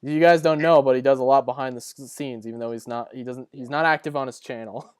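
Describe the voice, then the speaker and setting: A man's voice: medium pitch, steady tone, fast, smooth, no echo, clean studio sound. A man hosting a casual podcast, joking and blunt with his guests. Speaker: podcast host and editor. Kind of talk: casual chat.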